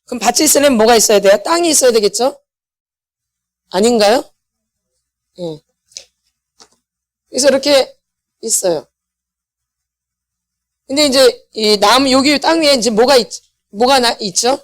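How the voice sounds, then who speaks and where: A woman's voice: fairly high pitch, moderate pace, pauses often, no echo, studio quality. A middle-aged woman, a pastor's wife, giving a church healing lecture, asking her listeners questions and repeating the key words back to them. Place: church hall.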